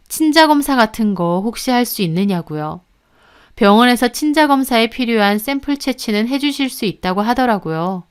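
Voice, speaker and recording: Lady reading out a family drama story, nice smooth voice, calm even delivery. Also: mid-range voice. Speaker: story narrator. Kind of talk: scripted first-person story narration.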